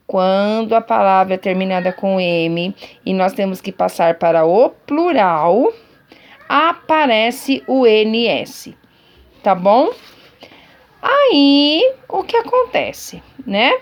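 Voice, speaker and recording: A woman teacher, explaining a lesson patiently to her pupils at home, often checking that they follow. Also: a little high. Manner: patient, repetitive classroom explaining with frequent check-ins.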